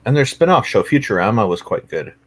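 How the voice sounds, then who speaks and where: Man, stream host, lowish voice, short quips, frequent laughs. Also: sing-song, fast. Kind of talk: casual chat.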